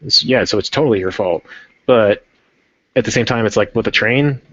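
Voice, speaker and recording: A rambling, chatty man hosts a casual livestream with a low voice. The audio is dry and a bit dull, the stream sound lo-fi. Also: normal speed, fairly bright tone, no echo. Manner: rambling, chatty, self-interrupting. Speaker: livestream host painting a 3D model.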